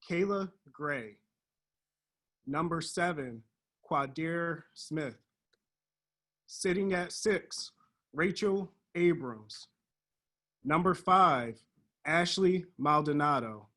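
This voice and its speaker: A man, the school's assistant principal, reading out the top ten students in a measured way. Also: fairly high pitch, fairly bright tone. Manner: slow, measured announcing. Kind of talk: reading out honors.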